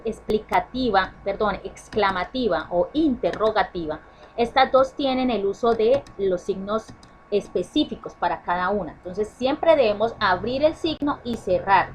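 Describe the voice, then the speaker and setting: A woman's voice: mid-range voice, a little hiss or hum, poor audio. A woman teacher explaining a grammar lesson to children, often checking in with "¿sí?" and correcting herself as she goes. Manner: self-correcting restarts. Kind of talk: online class explanation.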